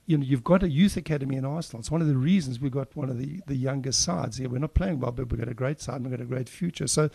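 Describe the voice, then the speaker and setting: Gravelly male co-host. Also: mid-range voice, quick pace, few pauses, dark tone, no room sound. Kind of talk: casual opinionated discussion.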